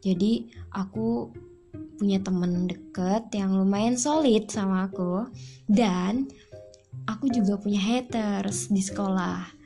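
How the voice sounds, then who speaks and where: A young woman chatting casually about her own life, with drawn-out fillers, often quoting herself, while music plays underneath. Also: mid-range voice, warm tone. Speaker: vlogger. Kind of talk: casual personal storytelling.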